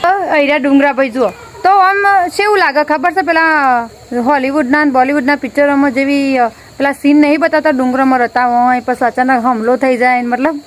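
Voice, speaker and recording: A woman's voice: sits high, fairly even intonation, fairly quick, few pauses, slight background noise. Chatty woman vlogging from a rooftop. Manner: chatty, keeps adding a friendly filler word. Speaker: family vlogger. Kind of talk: casual chat to camera. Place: outdoors on a village rooftop.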